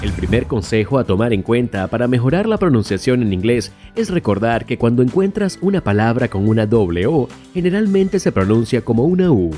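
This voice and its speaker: A man giving a scripted English-pronunciation lesson, saying each English example word slowly and carefully before glossing it. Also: medium pitch, very animated, over music. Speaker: English teacher.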